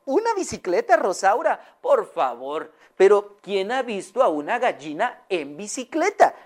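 A woman's voice: mid-range voice, big pitch swings, unhurried, voice pushed up. A woman voicing a doting older lady who talks sweetly and coaxingly to her pet hen in a children's story. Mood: incredulous.

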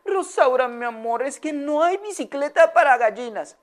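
A woman's voice: high-pitched, expressive, normal speed, voice pushed up. A woman voicing a doting older lady who talks sweetly and coaxingly to her pet hen in a children's story.

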